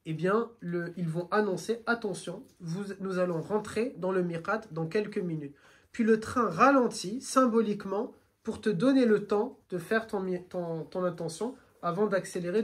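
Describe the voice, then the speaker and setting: A man guiding a group on a train, explaining in a lively, teacherly way and asking them questions. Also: high-pitched. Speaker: religious guide. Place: train carriage.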